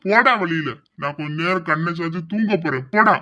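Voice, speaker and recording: A man voicing a grumpy, sleepy old village grandfather who scolds in a gruff, dismissive way. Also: fairly high pitch, a little fast, pushed and bright, muffled recording. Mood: grumbling. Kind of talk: amateur audio drama acting.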